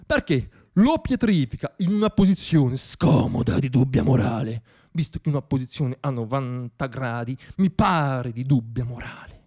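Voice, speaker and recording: In a mid-range voice, a man delivers a theatrical comic monologue as a storyteller. His humor is wry and self-deprecating, and he repeats words for effect.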